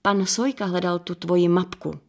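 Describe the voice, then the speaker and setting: A woman's voice: on the low side, fairly even intonation. Woman reading as an offhand husband. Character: husband, calm and reassuring family man. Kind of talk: audiobook character reading.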